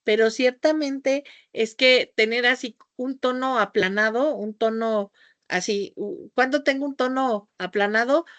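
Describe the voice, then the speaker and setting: A woman teaching a class with a high, squeaky voice, speaking loudly and theatrically, changing her tone often and drifting off on tangents. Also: measured pace, no room sound. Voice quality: high-pitched voice, calls it a squeaky off-key whistle. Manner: scattered, jumps between topics with tangents. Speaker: homeopathy teacher. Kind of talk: lecture to a class.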